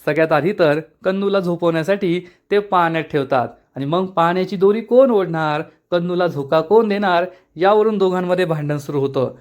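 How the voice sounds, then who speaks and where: Male episode reviewer with a high voice, steady storytelling recap narration. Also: normal speed, few pauses. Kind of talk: retelling a TV episode.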